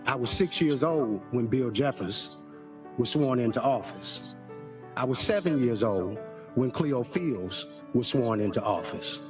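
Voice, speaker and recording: A man in his forties delivers a forceful, declarative public speech, repeating his key lines for emphasis. His voice sits at a middle pitch. Music is clearly audible behind him. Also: lively intonation, a little slow. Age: 40s. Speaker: speaker in a played clip.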